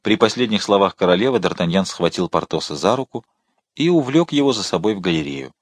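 A male narrator reading a historical novel aloud with steady expression. His voice is on the low side. The recording is dry and close. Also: a little fast, dry recording. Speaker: audiobook narrator. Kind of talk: scripted narration.

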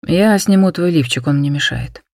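A calm, tender male lover speaks in a quiet, husky murmur, unhurried and reassuring, voiced by a woman narrating an audiobook. The voice sits low and the sound is dry and close, with no room around it. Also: no echo. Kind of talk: audiobook reading.

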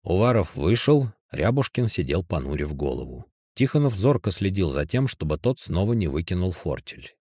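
A man reading a detective audiobook in an expressive, varied narration. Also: low-pitched, normal speed, hardly any pauses, husky, no echo, studio quality.

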